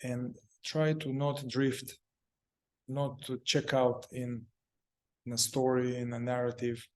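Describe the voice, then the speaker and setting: A man guides a meditation in a mid-range voice, calm and speaking in short, halting phrases separated by long pauses.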